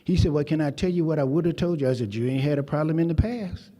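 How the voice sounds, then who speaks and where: A man's voice: a little high, fast, dark tone. An older man, originally from Texas, giving an emphatic, folksy commencement speech to graduates at a convocation ceremony, speaking at a podium microphone. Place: ceremony hall. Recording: long hall reverb.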